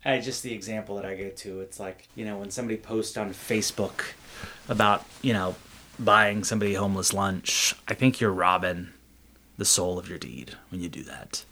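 Male candidate, low and gravelly, wry and chatty in a podcast interview. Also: normal speed, bright, forceful tone. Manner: chatty, sarcastic, laughs at own jokes. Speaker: city council candidate.

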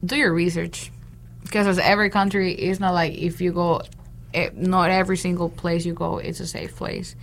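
Gravelly young woman from Honduras. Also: fairly low pitch, little pitch movement, moderate pace, slight background noise. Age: young adult. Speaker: interview guest, international student. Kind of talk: casual interview chat.

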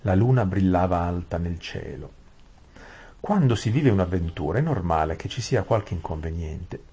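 A man reading a bedtime story aloud in a gentle, soothing way, with small restarts. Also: low-pitched, lively intonation, moderate pace, breathy edge.

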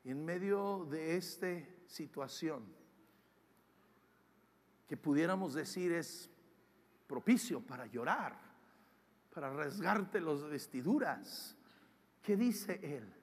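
An older man preaching a sermon, impassioned, swinging from shouting to hushed tones. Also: on the high side, animated, takes it slowly, pauses often, slightly rough. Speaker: pastor. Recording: long hall reverb.

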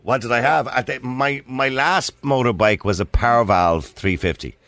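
A man's voice: medium pitch, normal speed, fairly bright tone, no echo. A man with an Irish accent hosting a casual radio phone-in. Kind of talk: lively casual radio chat. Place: radio studio.

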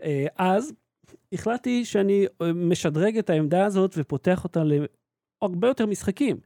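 A man in his thirties with an Israeli accent, co-hosting a podcast in casual, animated chat. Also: fairly high pitch, no room sound, studio quality. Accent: Israeli Hebrew. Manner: animated, ranting. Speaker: podcast co-host.

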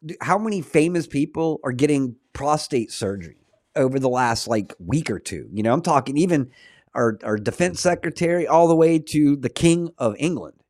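A man's voice: fairly high pitch, expressive, normal speed, a little mellow, dry recording, studio quality. A man in his forties hosting a podcast, talking casually in a rambling way and often saying "man". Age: 40s. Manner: rambling, peppers talk with "man". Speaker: podcast host. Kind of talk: casual conversation.

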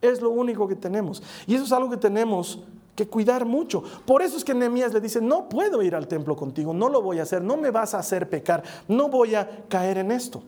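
Male preacher with a high voice, chatty sermon delivery, often asks the room "right?". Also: darkish tone. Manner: conversational, checks in with listeners by asking "right?".

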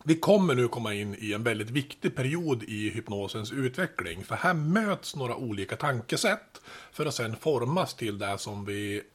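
A man hosting a podcast, telling history in a relaxed, chatty way with casual asides. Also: medium pitch, slightly rough. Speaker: podcast host.

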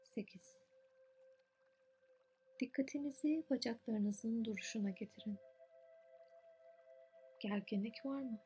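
A woman softly narrating a guided relaxation meditation in a soothing, unhurried way, with long pauses between short phrases. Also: a little high, faint music behind.

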